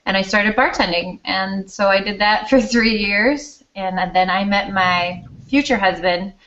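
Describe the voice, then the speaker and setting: A woman's voice: mid-range voice, a little slow, a bit bright. Candid chatty woman, lo-fi sound. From Denmark. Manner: candid, self-deprecating, chatty with laughs. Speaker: elementary school teacher and guest. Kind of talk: casual interview storytelling. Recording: slightly dull lo-fi recording.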